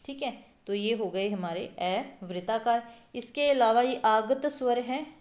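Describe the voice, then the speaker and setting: A woman's voice: fairly high pitch, a little slow, darkish tone, echoey room. A woman teaching an exam-prep lesson, explaining step by step and sounding out vowels aloud. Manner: explanatory, repeats sounds aloud, many fillers.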